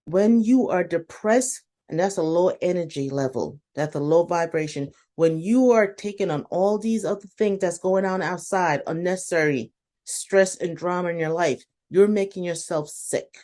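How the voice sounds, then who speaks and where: A woman in a casual interview conversation, telling a personal story in an animated, blunt, motivational way and quoting her own self-talk. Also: on the low side, normal speed. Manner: animated storyteller, talks to herself in quotes.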